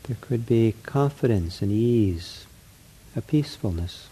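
Man, slightly low voice, very soft mellow tone, meditation teacher, gentle counselor-like reassurance, spaced phrases. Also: expressive, slight background noise, rough recording. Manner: unhurried, spoken in short spaced phrases. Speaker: meditation teacher leading a guided sitting. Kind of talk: guided mindfulness meditation.

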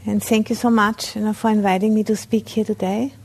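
At a meditation center, this Buddhist nun from Austria delivers a dharma talk in Austrian-accented German, halting often with fillers and restarts. Her mid-range voice stays level, husky and darkish.

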